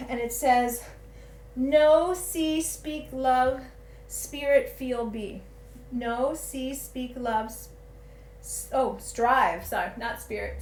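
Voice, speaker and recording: A woman instructor calling out yoga cues while moving along with the class, a little out of breath at times. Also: high-pitched. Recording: roomy echo, faint ambient noise.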